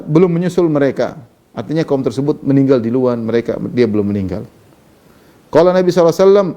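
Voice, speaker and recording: Male preacher, quick and mellow, reads Arabic then explains casually, sermon commentary. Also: mid-range voice. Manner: reads Arabic text then explains in Indonesian, conversational with fillers. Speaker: Islamic preacher.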